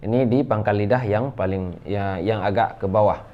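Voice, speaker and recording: A man with an Indonesian accent teaching Quran letter pronunciation, speaking slowly and patiently and breaking into raised, drawn-out recitation for examples. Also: fairly low pitch, dull audio. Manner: slow, patient, drawls sounds and recites in a raised chanting voice. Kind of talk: tajwid lesson on letter articulation.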